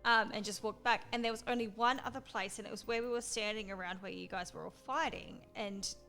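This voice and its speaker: A woman's voice: medium pitch, steady tone, brisk, sharp tone, faint music behind. A woman on her first tabletop game, telling a rambling story between turns and swearing now and then. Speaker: new player.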